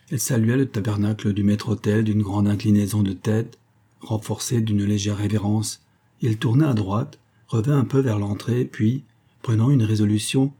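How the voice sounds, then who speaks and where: A man narrating a classic novel as an audiobook in a measured, hushed storytelling manner. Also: lowish voice, slightly rough.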